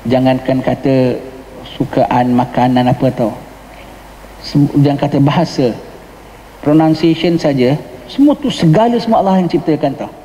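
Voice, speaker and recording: In a mosque hall with long reverb, a religious teacher speaking in a Johor Malay accent lectures on a religious text. He has a dark, medium-pitched voice, explains things patiently, slips English words in, and keeps checking with the listeners by asking "ha?". A little hiss or hum sits under the audio.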